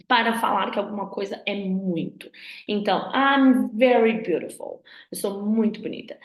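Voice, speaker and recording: A woman teacher with a Brazilian accent, patiently explaining a review lesson step by step in a chatty way. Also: fairly high pitch. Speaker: English teacher. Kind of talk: recorded review lesson for students. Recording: roomy echo.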